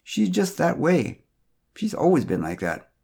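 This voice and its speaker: A weary older husband explains his wife's odd ways in a raised, tired voice, as a male narrator acts him out. His tone is a little husky. He sounds apologetic and long-suffering. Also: on the high side, huge pitch swings, unhurried, darkish tone, pitched above the performer's own voice, full character voice.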